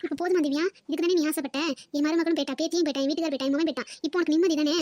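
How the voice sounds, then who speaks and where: A woman's voice: sits high, fairly even intonation, rapid-fire, mellow, a little hiss or hum, close to an everyday voice. A woman voicing a doting, scolding mother in a family skit, fussing and reproachful.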